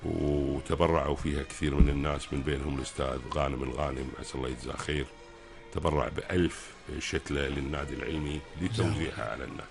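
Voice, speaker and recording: A man with a Kuwaiti Gulf Arabic accent explaining things as a guest expert on a radio talk, pausing to search for words. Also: very deep voice, fairly even intonation, gravelly, over music.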